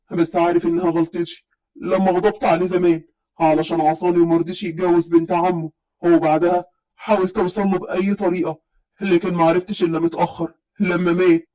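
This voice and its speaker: A man's voice: high voice, level tone, quick pace, darkish tone, voice pushed down, lightly acted, rough recording. A woman voicing an elderly patriarch from Upper Egypt who speaks tenderly and also sternly, in an Upper Egyptian accent. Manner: affectionate with his granddaughter, stern with his grandson. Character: elderly male village patriarch, grandfather, regretful but stern.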